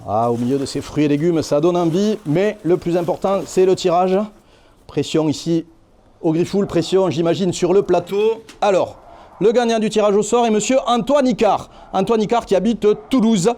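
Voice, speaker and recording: A man hosts a live prize draw. He keeps the patter lively and playful. His voice is high but mellow. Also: moderate pace.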